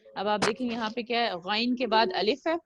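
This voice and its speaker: A woman teaching a recitation lesson over a video call, modeling words slowly and patiently for a student to repeat. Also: fairly high pitch, muffled recording. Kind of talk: online tajweed lesson.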